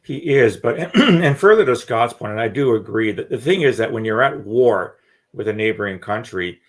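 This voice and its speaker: A middle-aged man speaking as a security analyst guest in a podcast discussion, measured, with frequent restarts and repeated words. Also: medium pitch, animated.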